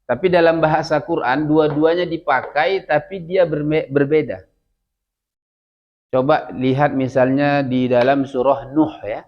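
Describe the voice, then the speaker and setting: A man with an Indonesian accent teaches Arabic in a classroom style, drawing out words slowly for repetition before explaining in a relaxed, chatty way. His voice sits a little high. The recording is dull and lo-fi. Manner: drills words slowly for repetition, then explains casually with light laughs. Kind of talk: classroom language lesson.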